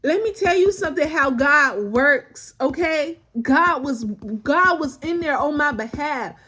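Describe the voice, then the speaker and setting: A woman's voice: high voice, animated, measured pace, sharp tone. A woman, sharing a personal faith story in a casual, emotional way, close to tears and repeating phrases for emphasis. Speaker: vlogger sharing a faith testimony.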